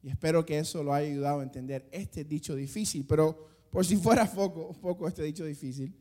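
A man with a high voice preaching from the pulpit. He builds each point with emphatic rising lines and drawn-out pauses, now and then restarting a word as he speaks freely. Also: darkish tone. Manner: some restarts and stammering when speaking off the cuff. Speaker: pastor. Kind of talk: sermon.

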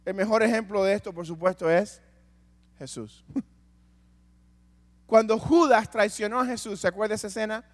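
A high-voiced man preaches a sermon, firing rhetorical questions at the congregation and dropping from loud urging to a near hush. He speaks a little slowly with long pauses, and his words ring with a long reverb as if in a big hall.

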